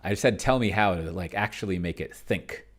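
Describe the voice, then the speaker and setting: At home at his computer, a low-voiced man hosts a solo roleplaying video, thinking aloud casually while playing a tabletop game. He rambles and halts, muttering to himself.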